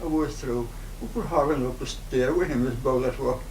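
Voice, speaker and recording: A man in his nineties with a broad Scottish accent, reminiscing informally in a halting, rambling way in dialect. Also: mid-range voice, a little mellow. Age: 90s. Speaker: interviewee, retired farm worker. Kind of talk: informal oral-history reminiscence. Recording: roomy, noisy, distant microphone.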